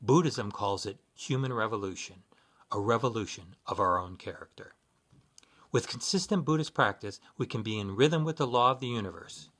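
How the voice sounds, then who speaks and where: A man giving sincere, measured spiritual guidance in a scripted instructional talk, with occasional fillers. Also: lowish voice, a bit bright. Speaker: Buddhist practitioner giving guidance.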